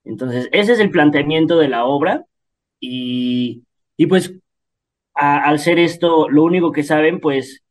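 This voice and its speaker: A man from Mexico City speaks as an interview guest. He lays out a play's story clearly and in order. His voice sits a little high for a man. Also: unhurried. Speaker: theater actor and director, guest.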